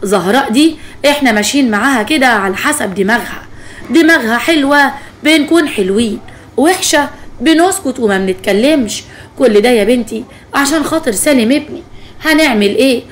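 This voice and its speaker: A woman's voice: high-pitched, expressive, a little fast, slight background noise. A woman voicing a kind, pious older mother-in-law with an Egyptian Arabic accent who speaks soothingly, in a spoken story.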